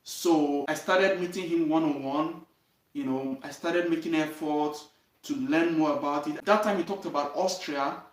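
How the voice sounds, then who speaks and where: A young man with a Nigerian accent tells his own story straight to his viewers. His voice sits slightly high and his delivery is earnest, dotted with "okay?" and "you understand?". He sounds set back from the mic in a roomy, echoing space. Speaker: channel host. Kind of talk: direct-to-camera life story talk. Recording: roomy echo, voice from a distance.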